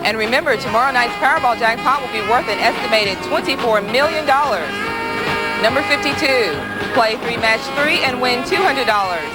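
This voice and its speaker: This woman is a lottery draw host reading scripted numbers and prize lines. Her voice sits fairly high, with loud music underneath. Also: animated, a little fast, a loud crowd, low-quality recording. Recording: loud music bed behind voice.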